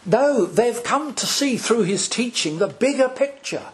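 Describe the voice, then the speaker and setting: A male priest preaching a sermon, slow and deliberate, with dramatic pauses between phrases. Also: very high voice, animated.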